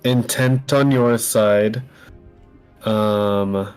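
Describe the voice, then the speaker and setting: A man's voice: on the low side, fairly even intonation, extremely slow, a little mellow, clear, resonant tone, soft background music. A man playing in a tabletop game on a video call, blunt and profane. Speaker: player.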